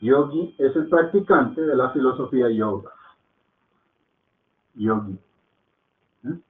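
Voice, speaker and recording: In a mid-range voice at normal speed, a male Hindi teacher leads a slow spoken lesson, patiently repeating words for pronunciation drills. He checks on his students with soft "¿mm?" and "¿ok?" prompts, and the recording sounds echoey and thin, like a phone.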